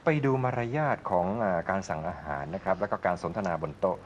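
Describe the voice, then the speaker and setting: A man's voice: low voice, expressive, fast talker, dull audio, slight background noise. A man hosting a language lesson show in a playful, joking casual chat. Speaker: host.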